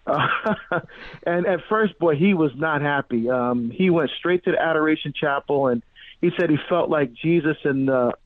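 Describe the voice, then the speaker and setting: A middle-aged man born in Barbados and raised in New Jersey, a guest on a radio interview, telling his story with animated restarts and many fillers. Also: a little high, normal speed, no echo. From born in Barbados, grew up in New Jersey. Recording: tinny phone-line sound, dry.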